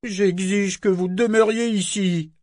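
A man's voice: high-pitched, big pitch swings, normal speed, darkish tone, dry recording, clean studio sound, pitched above the performer's own voice. A man voicing a petulant, cowardly little governor who whines and demands. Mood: demanding. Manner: whiny, demanding.

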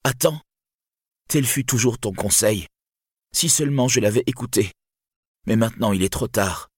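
A man's voice: medium pitch, expressive, normal speed, husky, no room sound, studio quality, pitched above the performer's own voice. A man voicing a frantic, despairing young woman in an audiobook, crying out in anguish. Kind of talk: audiobook reading.

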